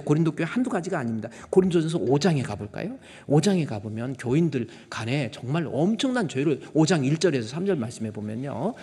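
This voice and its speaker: A man's voice: on the high side, warm tone, husky. A male pastor preaching a sermon emphatically, asking rhetorical questions and acting out quotes. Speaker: senior pastor. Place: church sanctuary. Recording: long reverb of a church hall.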